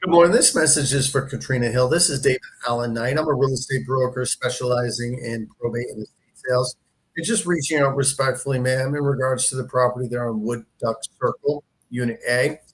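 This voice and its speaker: A man's voice: medium pitch, fairly quick, rough recording. A man working as a real estate broker, making polite, courteous cold calls on the phone. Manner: polite and courteous, sir and ma'am.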